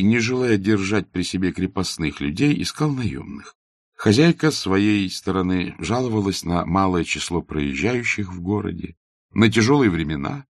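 A man narrating a classic novel as an audiobook in a measured, even reading. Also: low voice, no room sound, studio quality. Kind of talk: scripted literary narration.

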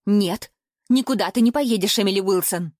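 A woman's voice: medium pitch, moderate pace, darkish tone, dry recording, clean studio sound, natural voice. A woman voicing an anxious, overprotective middle-aged mother who scolds her daughter in an audiobook. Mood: scolding.

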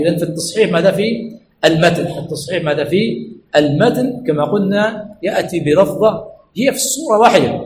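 A sheikh gives a brisk classroom lesson, his voice pitched high and his words coming fast. He keeps asking "what?" and then supplies and repeats the answer himself. The recording sounds echoey, with faint noise in the background. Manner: asks rhetorical questions and repeats answers. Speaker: sheikh teaching hadith terminology. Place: teaching center classroom.

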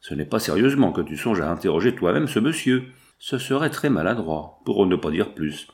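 A man's voice: low-pitched, sing-song, a little fast, darkish tone. A man voicing a stern aristocratic father in an audiobook, firm and indignant as he lectures his daughter. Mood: lecturing. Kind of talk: audiobook character voice.

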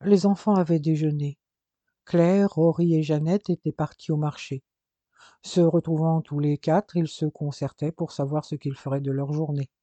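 A reader tells a novel in steady, even scripted narration. The voice is deeply mellow and warm, with a mid pitch. The recording is dry and close, with no room sound. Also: moderate pace, no room sound, dull audio. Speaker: audiobook reader.

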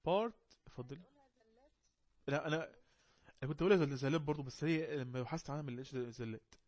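A man with an Egyptian Arabic accent, teaching an online English lesson. He reads the English text slowly and explains it quickly in Arabic. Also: fairly high pitch, darkish tone.

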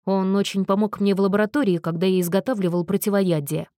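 A woman voicing a gentle, earnest young man who speaks in a soft, measured, reproachful way. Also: medium pitch, steady tone, dry recording, clean studio sound, natural voice. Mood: firm, reproachful.

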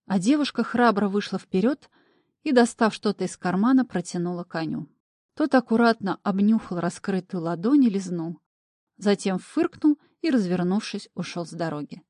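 A woman narrating a first-person story in an expressive, lively way. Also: medium pitch, normal speed, dry recording, clean studio sound. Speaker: audiobook narrator.

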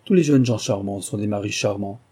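A man reading an audiobook, voicing a nervous male palm reader who speaks slowly and guardedly. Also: lowish voice, dark tone, breathy edge.

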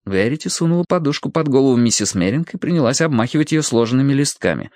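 A man reading a novel aloud as audiobook narrator, with expressive storytelling. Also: mid-range voice, quick pace, dry recording, studio quality. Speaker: audiobook reader. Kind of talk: scripted narration.

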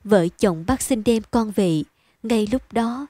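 A woman with a higher-pitched voice reads a bedtime story in a calm, even storytelling manner. The recording is close and dry, with no room sound. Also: takes it slowly, dry recording.

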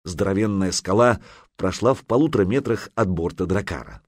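A man reading an audiobook in a measured, even narration. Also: sits low, dry recording, studio quality.

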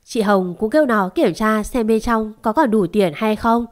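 A woman's voice: fairly high pitch, normal speed. Woman narrating a dramatic story. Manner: dramatic, voices quarrels with sharp outbursts. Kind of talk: first-person short story narration.

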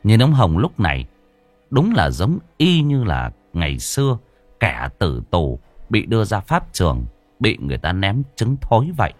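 A man narrating a ghost story in a dramatic, expressive way. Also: on the low side, moderate pace, no echo. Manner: dramatic, expressive storytelling with coarse folk curses.

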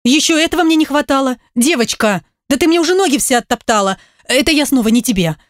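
A woman voicing a brash young woman who yells and scolds impatiently into the phone, in an audiobook. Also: high-pitched, animated, fast, no echo, clean studio sound, voice pushed up. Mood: shouting, irritated. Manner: shouting, rude and impatient.

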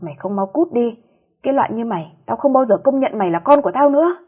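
A woman voicing an elderly mother-in-law who turns from gentle pleading to scolding, with a breathy voice. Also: medium pitch, brisk, muffled recording, lightly acted. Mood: furious. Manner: scolding, raised voice. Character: stern elderly mother-in-law, tender then furious.

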